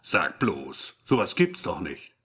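A man's voice: low-pitched, huge pitch swings, slow pace, a bit bright, slightly rough, pitched below the performer's own voice, exaggerated voice. A man reading a lazy, teasing male friend in an audiobook, with a grumbling, teasing manner.

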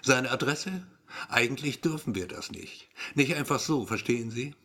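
A man's voice: mid-range voice, expressive, moderate pace, creaky, sharp tone, exaggerated voice. A man reading the part of a friendly middle-aged policeman in a storybook, talking in an easygoing, matter-of-fact way.

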